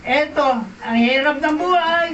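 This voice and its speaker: A man's voice: extremely high pitch, unhurried, sharp tone, voice pushed up, exaggerated voice. A man voicing a poor, crippled, grimy beggar who cries out with fervor, heard in an echoey hall from a distant mic. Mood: weary. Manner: pleading, crying out with fervor. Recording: echoey hall, distant mic, dull sound, background noise.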